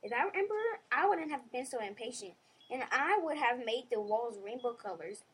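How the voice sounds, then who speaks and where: A woman's voice: on the high side, lively intonation, moderate pace, slightly rough. A woman voicing an eager, dreamy young schoolgirl. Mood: earnest.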